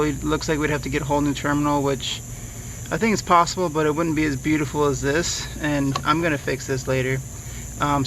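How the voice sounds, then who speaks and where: A man's voice: fairly high pitch, gravelly, fairly bright tone, a little hiss or hum, rough recording. A man casually walking viewers through a car repair outdoors, easygoing and hesitant, full of fillers. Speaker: DIY car repair vlogger. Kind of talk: casual how-to walkthrough.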